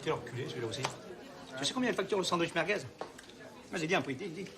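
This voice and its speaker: A boastful, foul-mouthed trader rattles off his stories in a high, rapid voice. The chatter of a busy crowd fills the background. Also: lively intonation. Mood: bragging. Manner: crude, fast storytelling. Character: loud boastful male garment trader.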